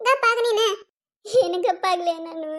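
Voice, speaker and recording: Woman voicing a shrill, quarrelsome village wife. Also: moderate pace, a bit bright. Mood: scolding. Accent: North Karnataka Kannada. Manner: shrill scolding, wailing and mocking. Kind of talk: cartoon comedy voice acting.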